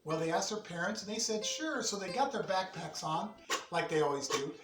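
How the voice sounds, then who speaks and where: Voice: medium pitch, a little fast, music in the background. Brief: chatty children's storyteller, improvised and folksy, echoey room, distant mic, ukulele playing. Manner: chatty, folksy, sing-song asides.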